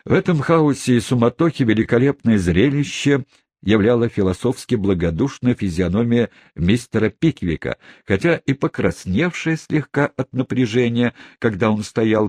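A man narrating a classic novel as an expressive audiobook reader. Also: on the low side, no room sound, clean studio sound. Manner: expressive storytelling. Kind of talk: scripted narration.

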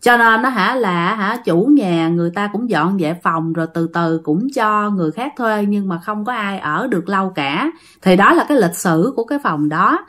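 This storyteller runs a ghost-story channel and narrates casually in a Southern Vietnamese accent, talking directly to her audience with chatty drama. She has a fairly bright mid-range voice, lively intonation and a moderate pace.

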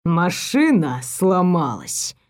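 A woman voicing an angry, menacing young stepbrother who talks low and mocking. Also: moderate pace, a little mellow, close to an everyday voice.

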